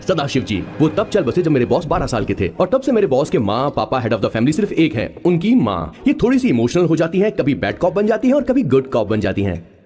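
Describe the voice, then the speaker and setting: A man's voice: mid-range voice, a little mellow. An actor dubbing a chatty young male sidekick who narrates about his boss in a fumbling, talkative way. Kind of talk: dubbed film narration.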